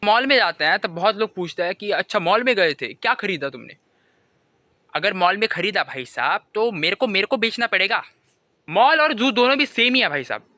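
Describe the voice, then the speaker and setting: A young man, rattling through a comic story in a lively, swooping voice. His tone is bright and sharp, and it sits close and dry on the mic. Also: high voice, brisk, no room sound. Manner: animated storytelling, keeps repeating "bhai sahab". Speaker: comedy vlogger. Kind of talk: stand-up style comic monologue.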